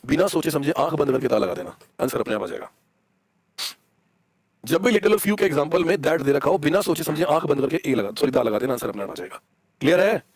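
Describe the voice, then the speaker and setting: A man's voice: high voice, no echo. A young man with an Indian accent teaching a live online English class, coaxing students and spelling words out letter by letter.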